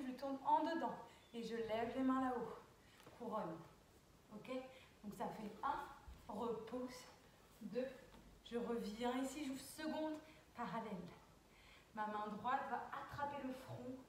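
A woman's voice: fairly high pitch, a little hiss or hum. A young woman dance teacher talking through a routine step by step, calling counts and sound cues as she moves. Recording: very echoey, far from mic.

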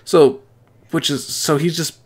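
A young man with a slightly high, steady voice speaks slowly while hosting an anime reaction channel. He chats casually from a small room at home, using plenty of fillers and restarts.

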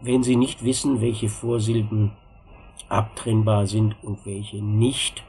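Guy teaching beginners, says every line twice real slow, kinda low voice, bit of noise behind. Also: flat delivery, vocal fry, darkish tone, low-quality recording. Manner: deliberate, repeats each sentence twice. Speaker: German teacher. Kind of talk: slow repeat-after-me language drill. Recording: faint background noise.

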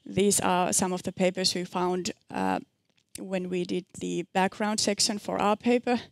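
A woman's voice: lowish voice, animated, unhurried, creaky, no room sound, clean studio sound. A woman researcher answering audience questions at a seminar, hesitant, with many fillers and restarts. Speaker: researcher presenting a study.

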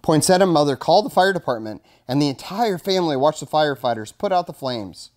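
A middle-aged American fire chief reads a children's storybook aloud and chats with kids, his voice on the high side, animated, a little mellow and fast-paced. He's indoors before a curtain backdrop in a studio-like setup.

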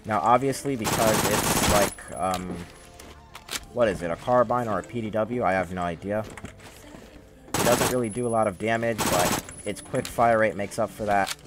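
A man's voice: fairly low pitch, moderate pace, loud music behind the voice. A young man giving casual gameplay commentary in a weary, grumbling way. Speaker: gaming video host. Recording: noisy recording with game gunfire. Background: video game gunfire.

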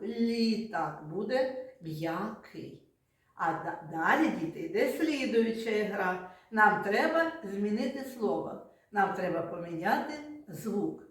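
Slow, coaxing woman teaching small children. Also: mid-range voice. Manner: slow, drawn-out, coaxing teacher voice with frequent praise. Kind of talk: literacy lesson for small children. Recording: echoey room, voice far from the mic.

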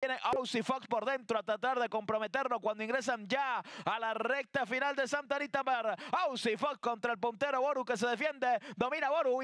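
A man working as a race caller, giving excited, insistent commentary on horse races. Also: extremely high pitch, no echo, clean studio sound. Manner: excited, insistent calling of the action.

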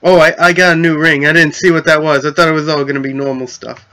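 A man's voice: fairly high pitch, little pitch movement, fast, sharp tone. A young man rambling through casual let's-play commentary, correcting himself as he goes and swearing now and then. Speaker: gaming channel host.

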